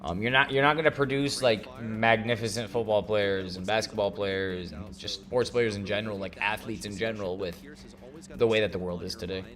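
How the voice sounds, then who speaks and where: A man hosting a live-stream watch party, chatting casually and teasing with loud bursts of mock outrage. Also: on the low side, fairly even intonation, a little fast.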